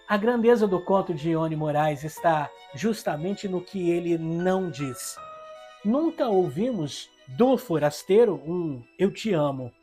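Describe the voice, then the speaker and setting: Over a backdrop of guitar music, a Brazilian woman reviewing books reads her scripted piece with solemn reflection and rhetorical flourish. Her voice sits on the low side with a darkish tone.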